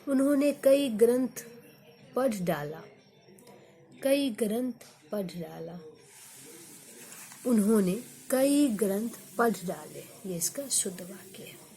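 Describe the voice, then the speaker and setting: A woman teaching a grammar lesson, slowly repeating example sentences for her students. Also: mid-range voice, lively intonation, warm tone.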